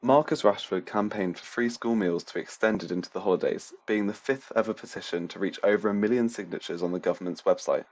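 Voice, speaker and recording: A man's voice: on the low side, fast, hardly any pauses, a little mellow. A man reading a scripted radio news report. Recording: slightly dull, lo-fi audio.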